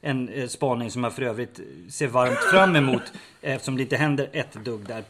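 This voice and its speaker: A man's voice: medium pitch, crowd noise. A man from co-hosting a podcast, presenting a prepared segment with dry, wry jokes. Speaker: podcast co-host. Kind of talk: casual chat, prepared segment.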